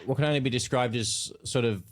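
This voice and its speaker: A man's voice: medium pitch, fast. A man co-hosting a comedy podcast, ribbing a guest in an upbeat, playful way. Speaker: podcast co-host. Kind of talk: casual comic chat.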